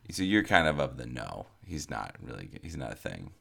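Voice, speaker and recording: A very deep-voiced man with a gravelly edge talks fantasy baseball in a casual chat. He is dry and deadpan, trading quips and listing off stat lines. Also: normal speed. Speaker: fantasy baseball podcast co-host.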